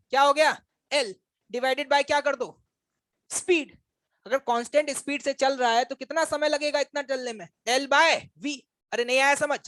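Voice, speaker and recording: Male physics teacher, high-pitched, dry sound, quizzes and ribs the class. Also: fairly bright tone, no room sound. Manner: quizzes and teases students, addresses them as brothers. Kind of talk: classroom lecture. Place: classroom with students.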